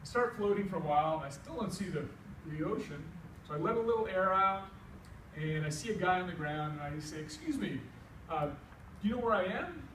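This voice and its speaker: This is live comic tall-tale storytelling from a middle-aged American man whose voice is fairly high and whose pace is fairly quick. Folksy and animated, he voices every side of the dialogue, and the audio comes across echoey, faintly noisy, and distant, as though miked from across a room.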